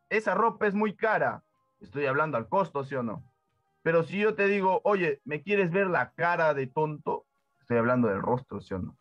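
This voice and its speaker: A man giving a classroom-style lesson, often pausing to ask his listeners whether they follow. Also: medium pitch, no echo. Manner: keeps asking "¿sí o no?" as a check-in, lively teacherly emphasis. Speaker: teacher. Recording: dull dry lo-fi voice with faint music.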